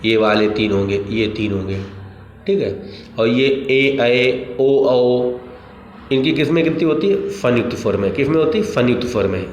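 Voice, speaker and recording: A man's voice: medium pitch, moderate pace. Man teaching in an echoey room. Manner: repeats questions and answers them himself. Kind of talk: exam-prep grammar lesson. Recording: echoey room, dull lo-fi sound, faint background noise.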